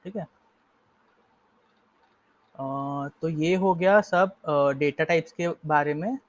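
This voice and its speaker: A man's voice: fairly high pitch, slow, muffled recording. A young man casually teaching a live coding lesson, explaining step by step and often correcting himself. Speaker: coding instructor.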